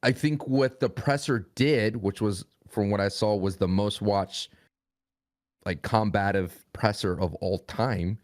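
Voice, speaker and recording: A young man talking as a podcast guest in a rambling, casual way. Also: fairly low pitch. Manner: rambling, frequent restarts and fillers.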